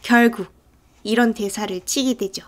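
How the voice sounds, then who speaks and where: A woman's voice: on the high side, steady tone, moderate pace. A woman casually retelling a film's story scene by scene, in a chatty way that often breaks into acted character lines. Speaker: film recap narrator. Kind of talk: casual movie recap narration.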